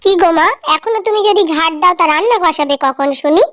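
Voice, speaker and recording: A woman voicing a spoiled, scolding young daughter-in-law in a cartoon drama, with a shrill, nagging and haughty manner. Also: animated, fast, fairly bright tone, no echo. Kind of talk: cartoon voice acting.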